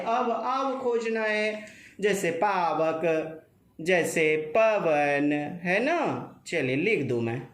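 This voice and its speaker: Slow, echoey teacher. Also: male voice, high-pitched. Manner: playful, chatty, drawn-out repetitions of words. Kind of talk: exam-prep grammar lesson. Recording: very echoey room, voice from a distance.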